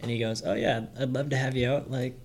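A man in a casual podcast chat, easygoing and quick to laugh, with many fillers. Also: medium pitch, flat delivery, darkish tone, slight background noise. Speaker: podcast co-host.

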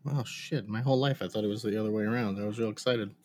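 A man's voice: on the low side, fairly even intonation, fast, a little mellow. A man co-hosting a podcast in casual chat, somewhat hesitant and repeating short phrases. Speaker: podcast co-host.

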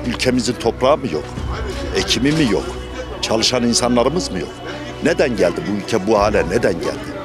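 Indignant male vox-pop, rhetorical and animated, over background music. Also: mid-range voice, a little fast. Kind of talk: street interview. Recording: music behind street speech.

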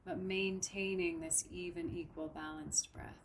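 A woman guides listeners through a breathing meditation, speaking softly and very slowly. Her voice sits a little low. Faint background hiss runs under the recording. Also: fairly even intonation. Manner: slow, soft, soothing instruction.

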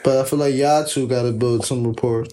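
Laid-back monotone man hosting a podcast. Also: mid-range voice, fairly quick, a little hiss or hum. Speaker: podcast host. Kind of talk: casual podcast chat.

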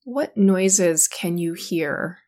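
Low-voiced woman leading a sleep meditation, super slow and soothing. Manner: slow, soothing and calm, with long pauses. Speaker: meditation guide.

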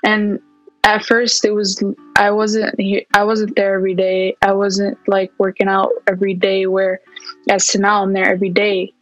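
A woman's voice: mid-range voice, moderate pace, faint music behind, low-quality recording. A young woman from Palestine, a guest on a podcast, talking casually about her fitness coaching, with plenty of "like" and "yeah" fillers. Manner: relaxed, lots of "like" and "yeah". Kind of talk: casual interview chat.

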